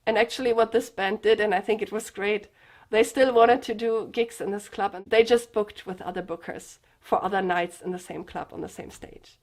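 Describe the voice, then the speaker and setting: A woman's voice: mid-range voice, moderate pace, few pauses. A young woman vlogger speaking earnestly and emotionally to her viewers, sharing a personal story and addressing them directly. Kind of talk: personal confessional vlog.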